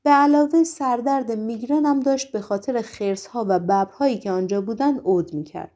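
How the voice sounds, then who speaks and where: Lady reading as a bored devil guy, brushing things off, soft mellow tone. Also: fairly high pitch, lightly acted. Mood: dismissive. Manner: dismissive, dry.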